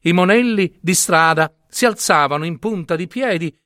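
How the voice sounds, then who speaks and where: Man, fairy-tale reader, playful, animated, fairly high voice. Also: moderate pace, dry recording, studio quality. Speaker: storyteller. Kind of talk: expressive fairy-tale reading.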